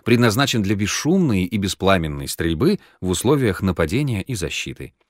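A cool, sardonic man in an audiobook scene who questions others with dry mockery, as a male narrator puts him on. The voice sits low and unhurried. The recording is close and dry. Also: dry recording. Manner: dry, calm, mocking.

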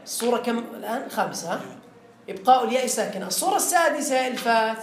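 A man's voice: very high voice, animated, rapid-fire. A man teaching a classroom grammar lesson. He quizzes his students and repeats the key phrases. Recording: roomy classroom echo.

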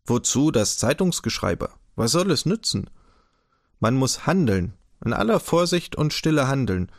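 A man voicing a small, humorless archive director who speaks calmly, measured and diplomatic in an audiobook. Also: mid-range voice, creaky, no echo, studio quality, full character voice.

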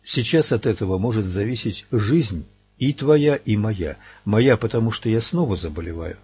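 A man reading as a feverish, world-weary gunslinger, his voice low, husky and held back. Every line comes out quiet, terse and deliberate, dry and close to the mic. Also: animated, no room sound. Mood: grave. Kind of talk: audiobook character voice.

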